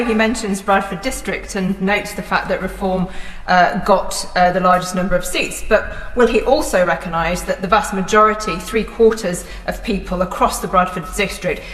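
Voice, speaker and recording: A woman's voice: mid-range voice, normal speed, a bit bright. Woman challenging in echoey parliament speech. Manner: challenging, questioning. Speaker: member of parliament intervening. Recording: echoey reverberant debating chamber.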